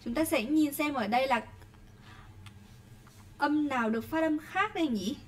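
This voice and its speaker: High-voiced Vietnamese woman teaching English. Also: moderate pace. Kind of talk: online class teaching.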